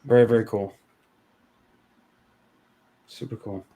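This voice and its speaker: A man's voice: lowish voice, flat delivery, takes it slowly, narrow, tinny audio. A man hosting a casual live-stream card giveaway over a video call, loose and chatty, often restarting his sentences.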